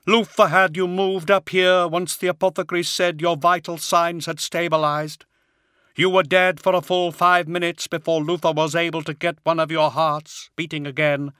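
A skull-faced warrior monk with a hollow, high-pitched voice, as a male narrator puts him on. He speaks slowly and gravely, every word weighed. The tone is forceful and tense, and the recording is dry and close. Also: flat delivery, no room sound. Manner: slow, grave and measured.

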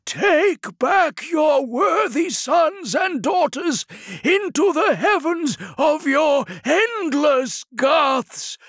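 A man's voice: very high voice, animated, very slow, a bit bright, no echo, studio quality, voice pushed up, heavily acted. A man voicing a fanatical male plague-cult sorcerer who intones prayers in a warbling, ecstatic voice.

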